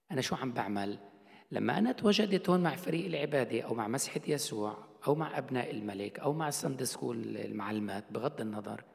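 A man's voice: medium pitch, vocal fry. A middle-aged man, preaching a sermon as a pastor in a conversational way, asking rhetorical questions. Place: church hall. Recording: long hall reverb.

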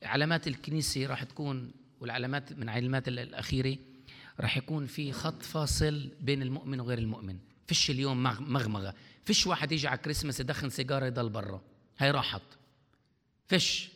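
A man preaching a sermon in a church hall, fervent, swinging between loud exhortation and quiet asides. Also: medium pitch, quick pace. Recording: long hall reverb.

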